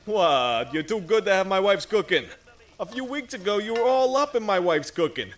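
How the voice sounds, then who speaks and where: An actor playing a crude, menacing mobster who mocks and threatens, in an audio drama. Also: male voice, sits high, animated, moderate pace. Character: crude, menacing male mobster, a made man. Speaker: gangster.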